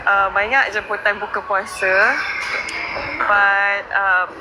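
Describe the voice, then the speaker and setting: A woman's voice: mid-range voice, flat delivery, takes it slowly. A woman chatting casually for a vlog, switching between Malay and English. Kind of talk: casual chat. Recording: very noisy on-location vlog.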